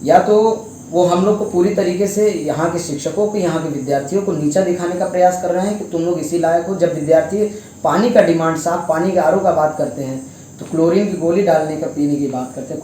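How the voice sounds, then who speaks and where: A man's voice: fairly high pitch, mellow. A young man, a student, giving impassioned interview answers full of emphatic rhetorical questions. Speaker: student speaking out. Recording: very echoey with faint noise.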